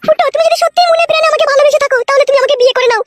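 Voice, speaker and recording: A woman putting on a shrill voice to play a quarrelsome young village wife who grumbles and complains in a comic skit. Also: racing, no room sound, studio quality, faint music behind. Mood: aggrieved.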